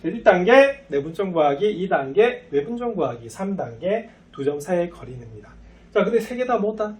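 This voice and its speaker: A man teaching a high school math lesson who keeps asking and answering his own questions as he works through each step. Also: sing-song, moderate pace, far from the mic. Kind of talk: recorded math lecture.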